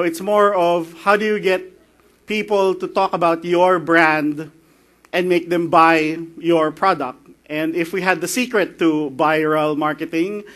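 A man's voice: high voice, sharp tone. A man with a Filipino accent giving a joking, chatty conference talk and slipping in Tagalog phrases. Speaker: conference speaker. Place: conference hall.

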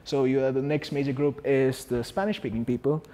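A man's voice: medium pitch, fairly even intonation, brisk, warm tone. A man in his thirties with an Indian accent, giving a chatty, self-deprecating talk on stage in a large hall, wearing a lapel mic, with many restarts. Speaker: speaker at a public talk. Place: large dark hall with a projector screen. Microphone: small lapel mic. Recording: long hall reverb.

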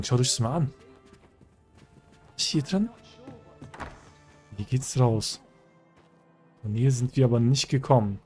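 A man's voice: medium pitch, darkish tone, breathy edge. Chatty man commenting on gameplay. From German-speaking country. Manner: chatty and joking, talks to game characters. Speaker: let's play host.

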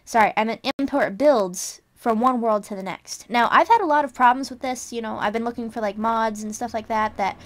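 A woman's voice: on the high side, a little fast, few pauses. A young adult woman hosting a casual game tutorial, chatty and rambling, often correcting herself and teasing her viewers. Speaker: channel host.

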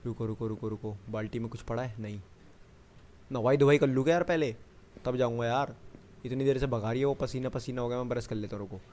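A man's voice: mid-range voice, fast talker, darkish tone. A man giving running commentary on a horror game, chatting to himself and the viewer and breaking into panicky bursts when the enemy shows up. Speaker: gamer.

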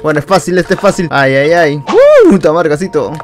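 A man giving excitable, rambling gameplay commentary, laughing often. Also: a little high, quick pace. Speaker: YouTuber. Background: game music.

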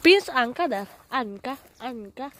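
Feeling unwell, a woman from the Philippines talks chattily on her travel vlog from outside at a rural estate. Tagalog is her first language, and she flips among English, Tagalog and Swedish as she gropes for words. The voice sits high and animated at a measured pace, with a faint hiss or hum.

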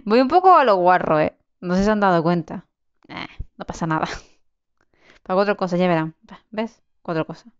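A young woman with a lowish, clear, resonant voice speaks briskly with lively intonation, over dull audio. Hosting her gaming channel, she gives casual let's-play commentary on a survival game. She's chatty, cursing and exclaiming as she plays.

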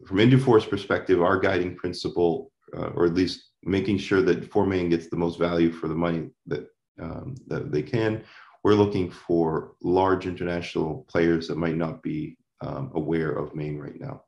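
Man in his thirties, consultant, very low voice, halting with restarts, echoey room. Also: fairly even intonation, creaky, darkish tone. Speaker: forestry consultant. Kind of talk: answering panel questions. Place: home room. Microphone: laptop webcam video call. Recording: echoey, dull video-call audio.

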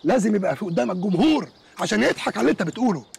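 A man's voice: high voice, animated, very fast, creaky, darkish tone, slight background noise, full character voice. An actor with an Egyptian accent playing a fussy, easily offended man who mixes English words into his speech in a TV sitcom. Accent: Egyptian Arabic. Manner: indignant, whiny, takes offense easily. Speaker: sitcom character. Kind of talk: TV sitcom acting.

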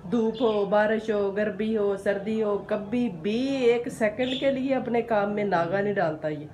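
Filming a vlog at home while the power is out, this Pakistani Urdu-accented woman playfully teases a toddler in sing-song baby talk. Her mid-range voice is unhurried and a little mellow.

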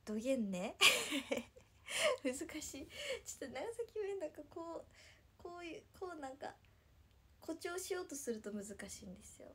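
High-voiced bubbly young woman from Nagasaki. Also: big pitch swings, unhurried, bright, forceful tone. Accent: Nagasaki dialect. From Nagasaki, Japan. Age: 20s. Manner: bubbly, chatty, often laughing. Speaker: livestreamer. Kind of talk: casual livestream chat with viewers.

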